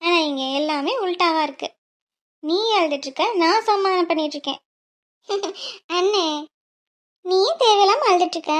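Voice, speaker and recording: A bubbly young bride talks in a cheeky, loving way in a cartoon, voiced by a woman. Her voice is very high and squeaky. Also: normal speed, pauses often. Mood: cheeky, soothing. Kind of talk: cartoon voice acting.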